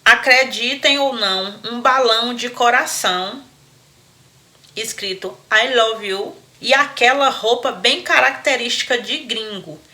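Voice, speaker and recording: A woman hosting a storytelling show, retelling a listener's story with animated, chatty asides and frequent laughter. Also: fairly high pitch, measured pace. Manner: animated, laughs often, talks to listeners as friends. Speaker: storyteller host.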